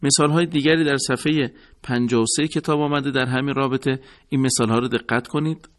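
A man teaching Quran recitation rules in a measured, formal way, repeating each rule. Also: medium pitch, steady tone. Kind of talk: recorded tajwid lesson.

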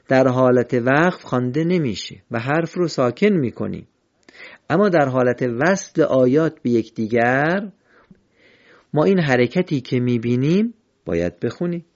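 A man teaching the rules of Quran recitation in a patient, methodical way, slowly chanting verses as examples. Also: medium pitch, a little mellow. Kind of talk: explanatory lesson. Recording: dull lo-fi recording.

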